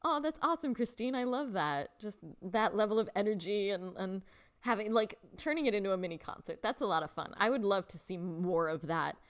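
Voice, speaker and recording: A woman's voice: mid-range voice, lively intonation, a little fast. A young woman hosting a casual live stream, chatting with viewers, reading their comments aloud and laughing often, with lots of fillers. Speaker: livestream host.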